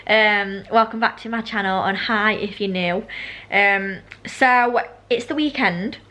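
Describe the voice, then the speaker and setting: A young British woman vlogs in a casual, rambling way, her medium-pitched voice a little slow, bright and forceful. Braces with elastic bands make her speech slightly slushy, and she keeps interrupting herself in an informal manner. The recording quality is low.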